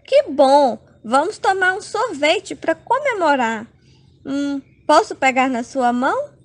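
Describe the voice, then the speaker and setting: A woman's voice: sits high, very animated, slow, exaggerated voice. A woman voicing a timid, eager young boyfriend who talks in a hesitant, polite way, for a narrated comic.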